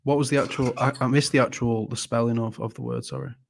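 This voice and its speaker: A man's voice: mid-range voice, fairly even intonation, fast, gravelly, a little hiss or hum. A man hosting a casual live audio panel, friendly and hesitant, often repeating words and apologizing. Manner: friendly, calls people mate. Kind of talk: casual chat.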